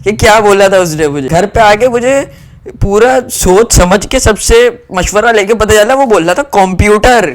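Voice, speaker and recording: A young man from Pakistan, telling a travel story to camera in a rambling, animated way with lots of fillers. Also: high voice, moderate pace, slight background noise.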